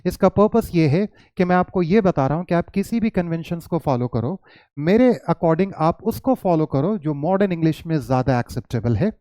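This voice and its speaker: Indian man, english teacher, fairly high voice, mellow tone, repeats words slowly, dry close sound. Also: lively intonation, no room sound. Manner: patient, repeats words slowly to model pronunciation; mixes Hindi with English words and phrases. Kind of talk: classroom lesson explanation.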